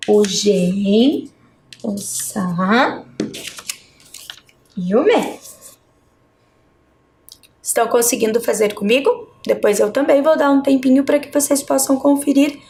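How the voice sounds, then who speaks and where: A woman's voice: high voice, darkish tone, slight background noise. A woman primary school teacher with a Brazilian Portuguese accent, giving a video lesson to children, patiently breaking words into syllables and checking in often.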